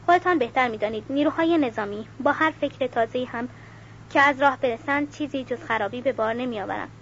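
A courteous young nobleman answers in a plain, polite way, voiced lightly by a woman reading a storybook. His voice sits a touch high, and the sound is dull and lo-fi. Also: fairly bright tone, slight background noise. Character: young nobleman who lives in trees, polite.

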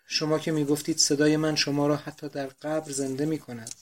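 A man voicing a young countess, pleading and despairing in a quiet, subdued voice as she mourns her father in a read-aloud novel. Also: on the high side, level tone, close to an everyday voice. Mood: grieving, pleading. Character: grieving remorseful countess, young woman.

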